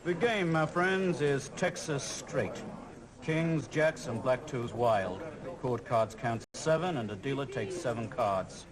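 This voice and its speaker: An actor playing a smooth, quietly menacing card dealer in a western sitcom, with drawling cowboy patter. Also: male voice, medium pitch, animated, slow, noisy background. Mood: brisk, dealing. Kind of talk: TV sitcom acting.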